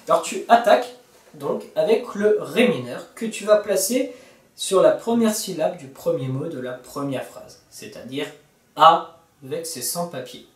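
In this guitar lesson, a man's slightly high, mellow voice comes across animated but a little slow. Recorded off-mic in a reverberant room with the guitar going, he addresses the viewer casually, counts beats, and sings lyric fragments.

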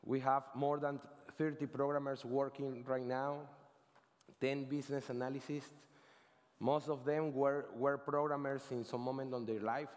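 A man's voice: mid-range voice, flat delivery, a little slow. A man in his thirties from Venezuela with a Venezuelan Spanish accent, giving a casual, rambling conference talk on stage, often correcting himself and adding "right?". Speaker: conference speaker. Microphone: headset. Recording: long hall reverb.

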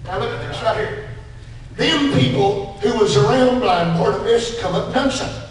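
High-pitched southern guy preaching, shouting then going quiet, super echoey church, mic far off. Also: animated, moderate pace, a little hiss or hum. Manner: preaching in bursts that swing from shouts to hushed asides. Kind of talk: sermon. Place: church sanctuary.

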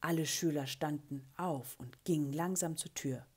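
A woman reading a children's story aloud, with a breathy voice and an expressive way of giving the characters their lines. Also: deep voice, moderate pace. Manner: expressive, lively character voicing in quotes. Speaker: children's book reader.

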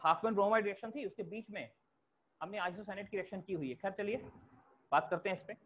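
A man's voice: sits high, fast, a little hiss or hum. A male chemistry teacher lecturing a class, explaining step by step and repeating key terms for students to write down. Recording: tinny phone-like lo-fi recording.

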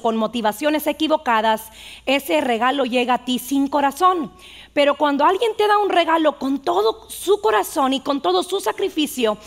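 A patient, loving mother gently explains things to her little boy, as a woman preacher voices her. Her voice is high with some gravel in it, and she speaks in a tender, teaching manner.

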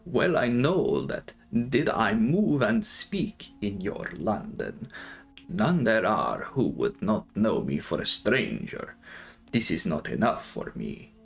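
Commanding old-world count, audiobook villain, courtly, measured, sinister, creaky low voice. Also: male voice, sing-song, soft background music, full character voice. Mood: grave, proud. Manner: slow, formal, drawn-out, archaic phrasing. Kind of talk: dramatic audiobook character reading.

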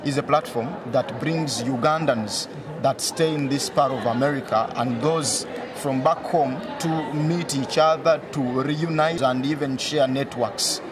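A man explains the convention in a brisk interview. His voice is mid-range. He is a little off the mic, with a crowd chattering behind. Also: medium pitch, far from the mic.

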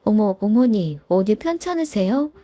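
A woman's voice: medium pitch, very animated, measured pace, dark tone, no echo. A young woman reading a storybook drama as a polite, puzzled daughter-in-law.

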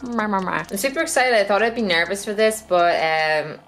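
A woman's voice: mid-range voice, lively intonation, normal speed, a bit bright, faint music behind. A young Irish woman and makeup artist, chatting upbeat to a handheld camera in a vlog, laughing often. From Ireland. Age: young adult. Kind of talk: casual vlog chat to camera.

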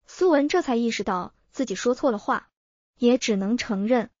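Woman narrating a comic story, kinda high voice, flat dull audio. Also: normal speed, dry recording.

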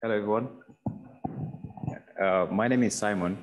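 A man's voice: on the low side, moderate pace, faint music behind, low-quality recording. A young man from Uganda giving a personal testimony at a church podium, speaking hesitantly with many fillers and restarts. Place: church stage in a large hall. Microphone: podium microphone.

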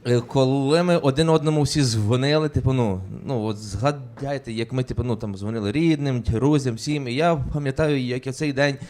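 A man's voice: medium pitch, moderate pace, hardly any pauses, a little mellow. A young man from Ukraine with a stutter, performing a stand-up routine on a club stage and acting out the people he quotes. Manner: acts out relatives and officials in quoted voices. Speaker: stand-up comedian. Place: comedy club stage with audience laughter.

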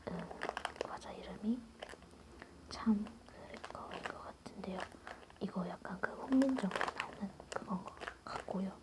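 A woman's voice: medium pitch, moderate pace, low-quality recording. Whispering woman, ASMR host.

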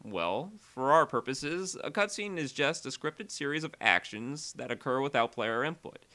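A tutorial creator and presenter walks through software in a casual, conversational way at a normal speed. His voice is bright and forward with lively intonation and a pitch that moves around a lot. His energy is uneven as he steps through explanations, lingering on key words.

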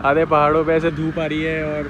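Young male travel vlogger, relaxed chatty narration, loud car noise behind. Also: on the high side, fairly quick, muffled recording. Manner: relaxed, chatty, mixes English into Hindi. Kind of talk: casual travel vlog narration. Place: car on a highway and roadside outdoors. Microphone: handheld phone camera.

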